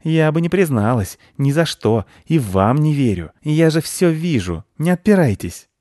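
In a dry, clean studio recording, a man voices a greedy, hysterical female squirrel for a storybook reading, pitching himself above his natural voice. His delivery is a little high, sing-song, slightly slow and a touch mellow, yet the squirrel shrieks and rants, frantic, agitated and paranoid.

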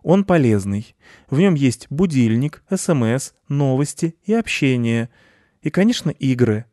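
A man's voice: medium pitch, sing-song, unhurried, mellow, no room sound, clean studio sound, pitched above the performer's own voice. A man voicing a stubborn young boy who whines and protests in a storybook reading. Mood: protesting. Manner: whiny and protesting. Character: young boy hooked on his phone, stubborn.

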